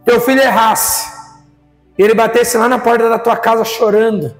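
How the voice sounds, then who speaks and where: A man's voice: very high voice, fairly even intonation, normal speed, reverberant, in a large hall, soft background music. A man with a Brazilian accent preaching a sermon as pastor, firing rhetorical questions at the congregation. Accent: Brazilian Portuguese.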